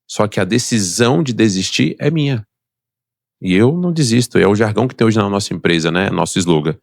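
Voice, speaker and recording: A middle-aged man with a Brazilian Portuguese accent tells his life story as a podcast guest, fast and emphatic. His voice has a gravelly rasp and sits at an ordinary pitch. The sound is close and dry. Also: expressive, dry recording. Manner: emphatic and motivational, acts out quoted voices. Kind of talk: personal storytelling in a podcast interview.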